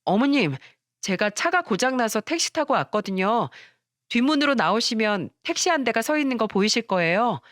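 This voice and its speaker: Woman voicing a two-faced young wife, sugary and fussy, raised pitch, dry close sound. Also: big pitch swings, moderate pace, dry recording. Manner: sugary and fussy, turns shrill when cornered. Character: fawning young married woman, two-faced daughter-in-law.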